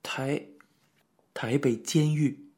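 A man voicing a frightened young man who answers in a quiet, hesitant, trembling voice. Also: mid-range voice, steady tone, extremely slow, slightly rough.

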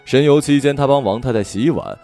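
A man narrating a story in an expressive, gentle storytelling manner. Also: mid-range voice, brisk. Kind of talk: audiobook narration. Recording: faint background music.

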